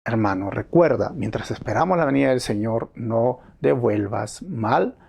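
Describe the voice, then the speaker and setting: A man with a Peruvian Spanish accent preaching a sermon as pastor, earnest and swinging between hushed and emphatic lines. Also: mid-range voice, expressive, normal speed, vocal fry, breathy edge.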